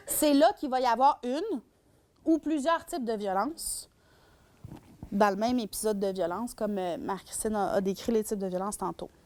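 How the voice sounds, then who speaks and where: A woman's voice: medium pitch, normal speed, darkish tone, a little hiss or hum. A woman with a Québécois accent giving a public lecture as a shelter worker on domestic violence. She speaks animatedly and acts out scenarios. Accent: Québécois French.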